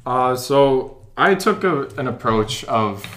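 A man's voice: medium pitch, lively intonation, slow pace, crowd noise. Laid-back young man telling stories, echoey. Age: young adult. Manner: laid-back storyteller, self-deprecating. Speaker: podcast co-host. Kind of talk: casual sports podcast chat. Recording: roomy echoey sound.

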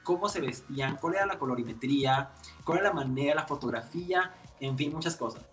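A man with a Mexican accent, a makeup artist telling stories in a casual, lively interview. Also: a little high, fairly quick, faint music behind. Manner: animated, expressive, many fillers.

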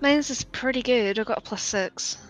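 A woman's voice: a little high, normal speed, faint music behind, low-quality recording. A woman chatting casually as a player in a tabletop game.

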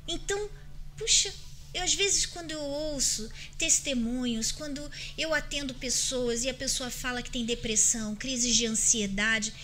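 Earnest Brazilian woman, high bright voice. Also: measured pace. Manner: earnest, emphatic, addresses listeners directly. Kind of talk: faith-based advice chat.

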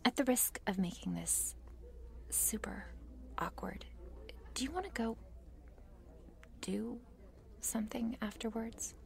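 A woman voicing a shy, meek cheerleader with a crush in a whispered role-play, nervous and halting, in a soft breathy voice. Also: on the high side, exaggerated voice. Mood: nervous, flustered. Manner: meek, nervous, halting, self-deprecating and apologetic.

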